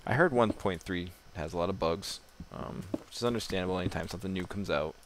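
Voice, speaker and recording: A gamer with a low-pitched voice talks fast, delivering casual, rambling gameplay commentary on a noisy home mic. He's self-deprecating and swears now and then.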